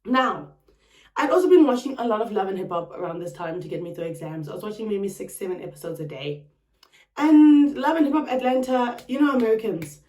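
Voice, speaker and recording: Young woman, South African accent, vlog storytime, dramatic and expressive, roomy sound, a bit off-mic. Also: mid-range voice, fairly quick, distant mic. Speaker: vlogger. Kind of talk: storytime chat.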